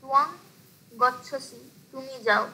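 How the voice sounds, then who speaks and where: A woman student in a class, slowly and carefully reciting her answers when called on. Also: high voice, fairly even intonation, sharp tone, rough recording.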